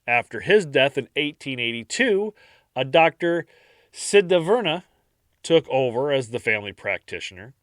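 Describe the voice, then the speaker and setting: Lively man telling a grim history story. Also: mid-range voice, moderate pace, no echo, clean studio sound. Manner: jokey, breaks into silly voices and laughs. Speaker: podcast co-host narrating history. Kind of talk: casual storytelling chat.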